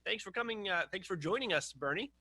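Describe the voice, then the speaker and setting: A man's voice: high voice, expressive, quick pace, sharp tone, no echo. A man hosting a conversational TV interview over a video call. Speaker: TV host, interviewer.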